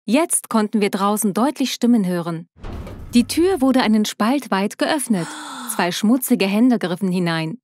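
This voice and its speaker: A woman narrating her own story in the first person in a steady, scripted storytelling manner. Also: mid-range voice, measured pace, slight background noise.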